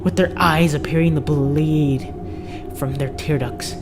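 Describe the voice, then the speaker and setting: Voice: medium pitch, steady tone, measured pace, background noise. A person narrating a scripted horror story, reading aloud and now and then stumbling over words. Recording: music behind the voice. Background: music.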